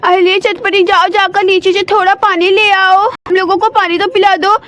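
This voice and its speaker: A woman's voice: very high-pitched, little pitch movement, normal speed, fairly bright tone. A woman voicing a sulky, grumbling teenage girl in a doll story. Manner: grumbling, whiny.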